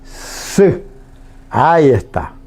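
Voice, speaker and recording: A man teaching a language lesson on the radio, saying each word slowly and repeating it patiently so listeners can copy. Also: on the high side, big pitch swings, a little mellow. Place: radio studio.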